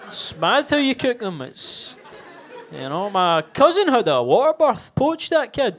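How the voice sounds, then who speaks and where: A man's voice: extremely high pitch, sing-song, measured pace, a crowd in the background, noisy background. A man in his thirties doing a live stand-up set in a basement comedy club, chatty and swearing, with self-mocking asides.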